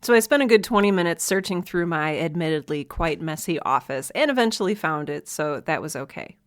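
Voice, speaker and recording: A woman's voice: sits low, lively intonation, brisk. A woman hosting a casual solo podcast from her hot home office, chatty and self-deprecating, laughing often. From American Midwest. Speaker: podcast host. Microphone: desk mic with headphones.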